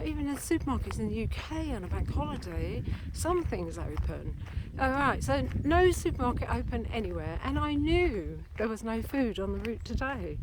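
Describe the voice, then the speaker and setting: A woman's voice: on the high side, background noise. Chatty British woman vlogging on a trail. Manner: chatty, rambling, self-correcting. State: a bit out of breath. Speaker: walking vlogger. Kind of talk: casual vlog narration while walking. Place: outdoors on a walking trail. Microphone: handheld camera.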